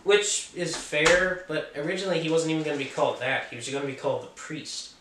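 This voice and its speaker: Casual male film reviewer, opinionated and joking, middle pitch, roomy distant sound. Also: fast talker, noisy background. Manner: chatty and opinionated, with offhand jokes.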